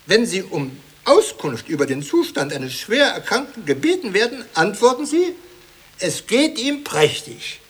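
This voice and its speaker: A pompous master of ceremonies in an absurd radio comedy. His voice is high and rough-edged, with formal, lecturing phrases. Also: big pitch swings, a little slow, fairly bright tone, full character voice. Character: pompous male presenter of absurd learned characters. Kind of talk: absurdist comic drama acting.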